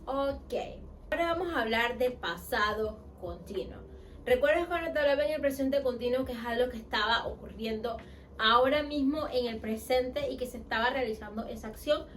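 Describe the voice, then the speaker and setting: A woman teaching an English lesson who asks the learner questions, answers them herself, and repeats example sentences slowly. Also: fairly high pitch, a little hiss or hum, poor audio. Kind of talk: online language lesson.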